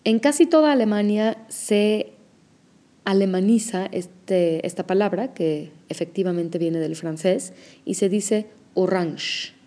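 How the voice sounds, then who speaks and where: A woman teaching an audio language lesson, explaining pronunciation slowly and carefully. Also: mid-range voice, warm tone.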